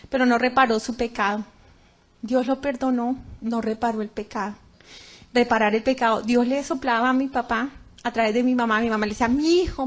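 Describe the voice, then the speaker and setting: A high-voiced middle-aged woman with a Colombian accent tells her religious testimony to a gathered congregation. Her delivery is fervent and dramatic, surging into loud cries and then dropping to hushed, quiet tones. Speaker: testimony speaker.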